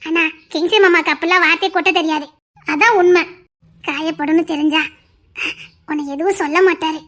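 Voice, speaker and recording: A woman playing a very high-voiced, coaxing young sister-in-law. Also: steady tone, a little fast. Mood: soothing. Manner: soft, coaxing, affectionate. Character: caring, playful young sister-in-law, soothing and teasing. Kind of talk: audio drama acting.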